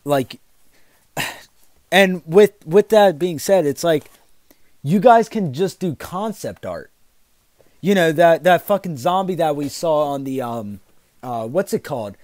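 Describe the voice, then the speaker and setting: A man's voice: on the high side, animated, measured pace, pauses often, darkish tone, no echo. A man doing a live gaming commentary, ranting in exasperated rage with heavy swearing. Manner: raging, exasperated gamer ranting; heavy profanity. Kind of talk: live commentary rant, casual chat.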